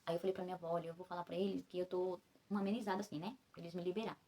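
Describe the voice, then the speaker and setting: Young woman, husky voice, quick rambling storytelling, many fillers. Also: lowish voice, level tone, mellow. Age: young adult. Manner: rambling, full of fillers and self-corrections. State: recovering after childbirth. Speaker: vlogger. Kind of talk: personal storytelling.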